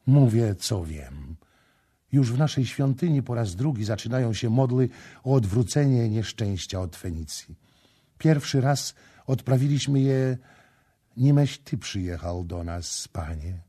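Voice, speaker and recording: A man's voice: mid-range voice, lively intonation, a little slow, dark tone, slightly rough, voice pushed up. A man reading the part of a young priestess in an audiobook, tearful and pleading.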